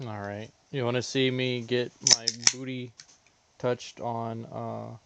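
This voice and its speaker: A man's voice: medium pitch, flat delivery, slow pace, creaky, heavy background noise. A man streaming games, chatting casually with crude, teasing banter. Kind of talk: casual gaming stream chat.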